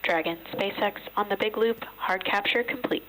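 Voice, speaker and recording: A woman's voice: medium pitch, moderate pace, fairly bright tone. A woman giving terse procedural callouts over a radio communications loop, heard relayed through a live broadcast like a sci-fi communicator. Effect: radio comms loop relayed over a live broadcast, like a sci-fi communicator. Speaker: mission control radio operator. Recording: distant radio channel with faint noise.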